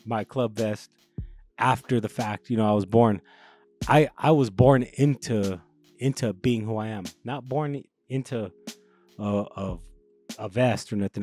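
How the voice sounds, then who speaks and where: A man's voice: mid-range voice, mellow. A young man from the Los Angeles area, hosting a casual chat, rambling with many restarts and plenty of swearing. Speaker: podcast host.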